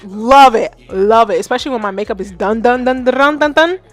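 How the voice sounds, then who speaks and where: Animated woman in her thirties, livestream chat. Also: a little high, a little fast, no echo. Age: 30s. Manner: animated, self-mocking, talks to chat. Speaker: livestream host giving music feedback. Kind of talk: casual livestream commentary.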